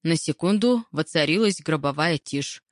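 Female audiobook narrator, low voice, wry and expressive, dry close sound. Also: normal speed, dry recording. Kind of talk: first-person audiobook reading.

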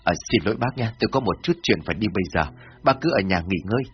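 A man's voice: fairly low pitch, expressive, fast talker. A man doing a humble older village chief. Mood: earnest. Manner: earnest, self-reproaching. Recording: dull lo-fi, faint music.

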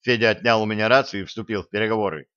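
A man narrating a first-person audiobook in a measured, even storytelling manner. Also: lowish voice, clean tone, dry recording, lo-fi sound.

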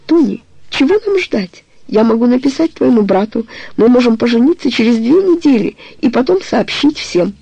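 A man's voice: very high-pitched, animated, normal speed, creaky, dark tone, breathy edge, dry recording, pitched above the performer's own voice, heavily acted, poor audio. A reader voicing a passionate young man pleading with his beloved to marry him, in an audiobook. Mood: ardent. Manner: pleading, tender, insistent. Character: ardent young man proposing marriage, passionate. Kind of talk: audiobook character reading.

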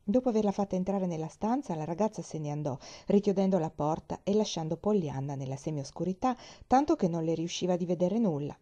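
A woman reading a storybook aloud, calm and measured. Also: lowish voice, dull audio. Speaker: reader. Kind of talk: audiobook narration.

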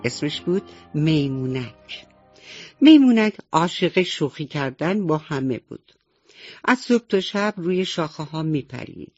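A woman telling children's bedtime stories on the radio, gently and tenderly, speaking directly to the children. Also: low-pitched, animated, no room sound. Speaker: bedtime storyteller. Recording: dull lo-fi radio recording with faint music.

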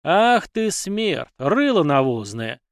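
A man voicing an enraged, menacing older tsar who hurls drawn-out insults. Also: medium pitch, dry recording, clean studio sound, natural voice. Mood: raging. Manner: shouting, spitting abuse, drawn-out words.

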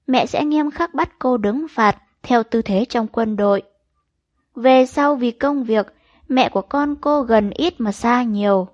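A woman reading a crime novel aloud as an audiobook narrator, in an even, measured storytelling manner. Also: a little high, no echo, muffled recording. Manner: even, measured storytelling with quoted dialogue read in.

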